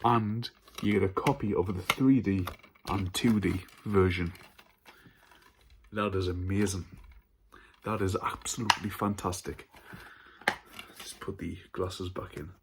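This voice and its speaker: A man's voice: low voice, steady tone, unhurried, long pauses, noisy background. A man hosting a casual haul vlog about horror films, chatty and stumbling over his words at times. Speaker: horror film channel host.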